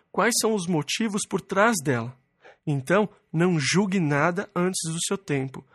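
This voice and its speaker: Preacher man with a fairly high, dry voice. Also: dry recording. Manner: reads verses then explains plainly. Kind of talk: expository Bible sermon.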